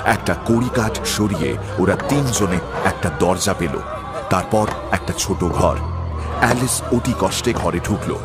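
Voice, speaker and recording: A man narrates an audio horror and adventure story from a script in a dramatic style. His voice sits low and moves a little slowly, with loud music playing underneath.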